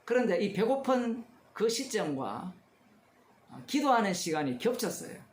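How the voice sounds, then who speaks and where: A man's voice: high voice, big pitch swings, unhurried, echoey room. A male pastor giving a conversational expository sermon, asking his congregation questions as he explains the text. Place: church.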